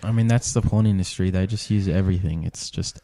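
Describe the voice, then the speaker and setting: Low-voiced man, swearing, incredulous. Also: brisk, warm tone, no echo. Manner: swears a lot, incredulous reactions. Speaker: podcast co-host. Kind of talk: casual podcast chat.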